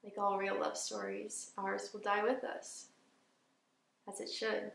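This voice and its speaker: A young woman acting a dramatic monologue as a grieving, tender young woman eulogizing her beloved, with halting, emotional delivery. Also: mid-range voice, vocal fry, a bit bright. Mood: tender grief. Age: young adult. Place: indoor studio with dark backdrop. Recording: roomy echo, slightly distant mic.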